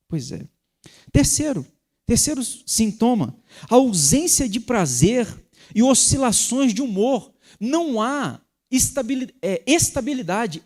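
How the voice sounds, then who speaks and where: A man preaching a sermon as pastor, teaching with sharp, emphatic rises in his voice. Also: high-pitched.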